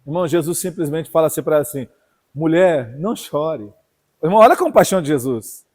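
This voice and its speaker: Fiery high-voiced preacher in echoing church. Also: male voice, lively intonation, racing. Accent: Brazilian Portuguese, São Paulo. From Brazil. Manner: fiery, swings from hushed to loud, keeps calling "irmão". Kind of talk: sermon. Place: church hall. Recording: long church hall reverb.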